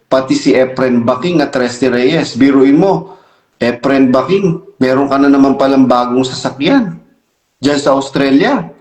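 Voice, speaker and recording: Isang lalaking host ng channel sa kaswal na kuwentuhan, masigla at minsan nanenermon. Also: male voice, medium pitch, unhurried. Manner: animated, scolding when addressing critics. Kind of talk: casual chat. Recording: echoey room.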